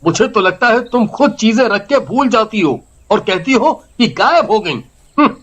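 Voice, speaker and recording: An actor voicing a teasing, easygoing young husband in an animated story. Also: male voice, high-pitched, normal speed. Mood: dismissive. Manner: playful teasing.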